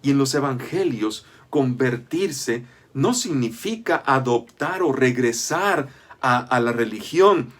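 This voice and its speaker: A man's voice: medium pitch, expressive, slow pace. A man giving a Bible study lecture, explaining step by step and often checking in with his listeners. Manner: lists many items one after another.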